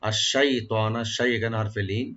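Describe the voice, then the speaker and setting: A man teaching Quran recitation. He chants each phrase slowly, repeats it, and then explains how to pronounce it. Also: on the low side, fairly even intonation, fairly bright tone. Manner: breaks verses into syllables, repeats slowly, then explains pronunciation rules. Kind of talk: step-by-step tajweed lesson. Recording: dull lo-fi recording.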